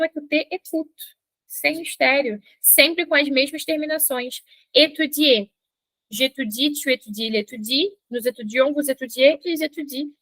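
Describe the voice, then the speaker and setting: A young Brazilian woman with a Brazilian Portuguese accent teaching an online French lesson, chatty and encouraging, slowing down to model pronunciation. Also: high voice, bright, forceful tone, dry recording.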